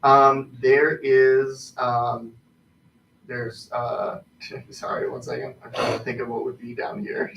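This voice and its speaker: Halting male game master, roomy and distant. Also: medium pitch, a bit bright. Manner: halting, searching for words. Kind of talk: improvised tabletop game narration. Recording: distant mic, roomy echo, faint noise.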